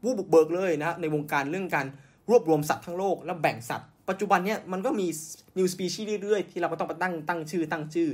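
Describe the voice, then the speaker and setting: A man's voice: sits high, quick pace. A man hosting a podcast, telling science history in a casual way, with many fillers and self-corrections. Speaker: podcast host.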